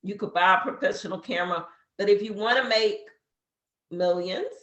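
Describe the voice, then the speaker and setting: A woman's voice: medium pitch, normal speed, fairly bright tone, reverberant. A woman in her fifties casually walking a beginner through an app step by step, chatty with fillers. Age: 50s. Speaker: business coach teaching social media. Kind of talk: casual how-to walkthrough.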